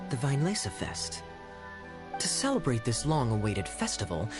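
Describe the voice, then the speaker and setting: An actor voicing a sly, charming male knight in a game who teases with smooth, wry words. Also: medium pitch, lightly acted. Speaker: game character. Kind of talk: game voice acting.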